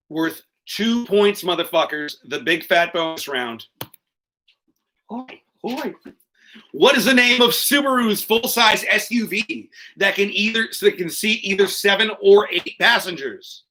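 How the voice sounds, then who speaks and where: This quiz host is a man with a high, bright voice and a forceful delivery, heard on a rough recording. He reads questions during an online quiz held over video call, adding crude jokes as he goes.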